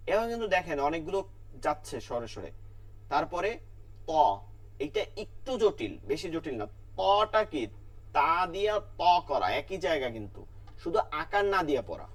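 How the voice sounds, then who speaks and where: A man teaches letter sounds to an online class, saying each one over and over and asking himself questions that he answers at once. His voice sits a little high for a man. He sounds set back from the microphone. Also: far from the mic. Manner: explains letter sounds by repeating them, asks and answers own questions. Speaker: Quran recitation teacher.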